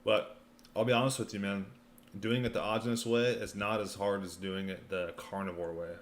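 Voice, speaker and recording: A man's voice: lowish voice, flat delivery, fairly quick, a little hiss or hum. A man casually answering livestream questions in a laid-back, slangy way while eating, his mouth sometimes full. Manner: laid-back slangy delivery, often saying "man" and "you know"; throat clearing between remarks.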